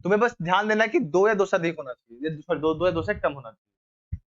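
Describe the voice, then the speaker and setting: A young man teaches a grammar class, walking his students through each step and stopping to check they follow. His voice sits a little high for a man. The recording is dull and lo-fi, as if picked up in a classroom. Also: fast talker. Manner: explains step by step, asks rhetorical checks.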